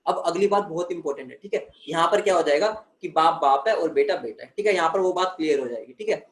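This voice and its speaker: A man with a high voice gives a chemistry lesson in an echoey room. He keeps checking in with "theek hai" and answers his own questions as he walks the class through the material. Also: quick pace. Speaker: chemistry teacher. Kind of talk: classroom lecture.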